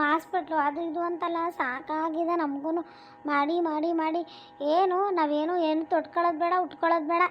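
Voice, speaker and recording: A fed-up young daughter-in-law, as a woman voices her for a cartoon, very high and flat, snapping back with tired exasperation. Faint music sits far behind her. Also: lo-fi sound. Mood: exasperated. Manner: exasperated, complaining, sharp. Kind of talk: cartoon voice acting.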